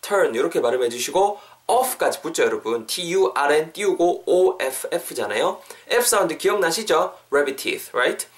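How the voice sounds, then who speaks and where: A young man hosting a podcast English lesson, explaining phrases and then repeating them slowly for listeners to drill. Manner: lively, upbeat coaxing with sudden pitch lifts. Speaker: English teacher podcast host.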